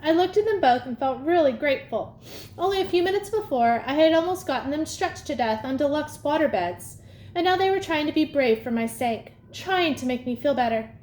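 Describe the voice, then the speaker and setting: A woman reading a storybook aloud in a lively first-person telling. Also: high-pitched, fairly quick. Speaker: audiobook reader. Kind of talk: storybook narration. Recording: echoey room, faint ambience.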